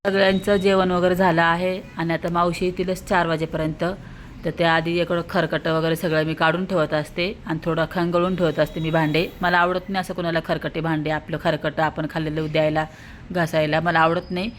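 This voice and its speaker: Chatty homemaker woman, lowish voice. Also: level tone, a little fast, slight background noise. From Maharashtra. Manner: chatty, homely, explains step by step to viewers. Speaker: vlogger and mother. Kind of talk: casual vlog narration to viewers. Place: her flat, at home.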